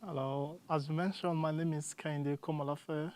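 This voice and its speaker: Nigerian-accented student, chatty storyteller, crisp and dry. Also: mid-range voice, fairly even intonation, normal speed, a little mellow, dry recording. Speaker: student guest. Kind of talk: casual interview answers.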